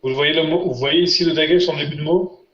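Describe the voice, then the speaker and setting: A man's voice: on the high side, quick pace, fairly bright tone. A man teaching a language lesson, patiently quizzing his students. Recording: roomy, muffled lo-fi sound.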